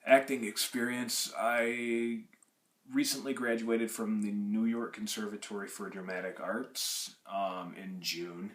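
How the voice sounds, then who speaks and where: A man's voice: fairly low pitch, steady tone, measured pace, echoey room. A young man in his twenties, from Russia and raised in Michigan, answering audition interview questions in a rambling way, with many restarts and fillers. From Russia, grew up in Michigan. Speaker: acting applicant.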